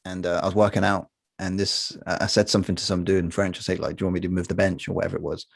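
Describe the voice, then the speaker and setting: Fast-talking English man, deep and gravelly. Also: level tone, dry recording, studio quality. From England. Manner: rapid, joking storyteller. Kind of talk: casual chat.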